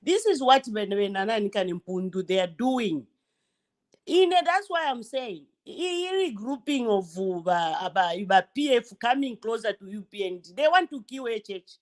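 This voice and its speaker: A woman's voice: fairly high pitch, very animated, normal speed. A woman giving an indignant, emphatic opinion on a discussion podcast. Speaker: panel commentator.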